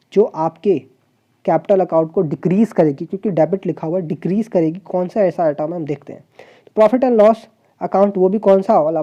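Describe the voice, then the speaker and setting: A woman's voice: on the low side, dark tone, dull audio. A woman teaching a commerce exam-prep class online. She explains step by step, asks the class rhetorical questions and mixes English terms into her Hindi explanation.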